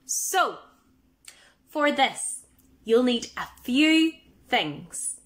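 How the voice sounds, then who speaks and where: A woman's voice: high voice, very animated, extremely slow, a bit bright. A woman leading a children's arts workshop, singing songs and cheerfully encouraging the children to join in.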